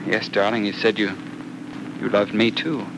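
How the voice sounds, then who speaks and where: An actor playing an eager, romantic young suitor in an old radio serial, earnest and lightly joking. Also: male voice, lowish voice, little pitch movement, moderate pace, natural voice. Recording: noisy old radio recording.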